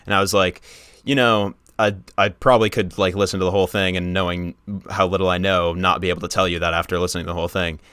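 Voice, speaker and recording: A young man co-hosting a podcast, chatting in a relaxed, rambling way full of fillers. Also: sits low, fast, hardly any pauses, smooth, no room sound, clean studio sound. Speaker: podcast co-host. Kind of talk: casual chat.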